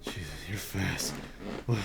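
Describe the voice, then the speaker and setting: A low-voiced, curt teenage boy who shrugs off anyone who worries about him, as a man puts him on. He is a character in a tabletop role-playing game. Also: unhurried, creaky, full character voice. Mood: sullen. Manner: curt, brushing off concern. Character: sullen, defensive teenage boy.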